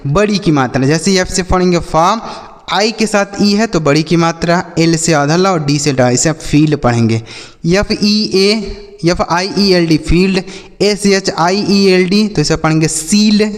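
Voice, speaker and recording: A man teaching English reading in a classroom style, asking his students questions and drilling each word slowly. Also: high-pitched, long reverb tail. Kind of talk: classroom-style phonics lesson.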